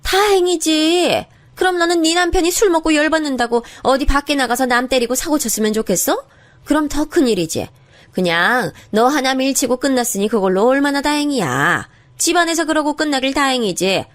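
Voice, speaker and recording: A woman's voice: sits high, expressive, a little fast. A woman voicing a harsh, scornful older mother-in-law who belittles and nags her daughter-in-law. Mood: dismissive.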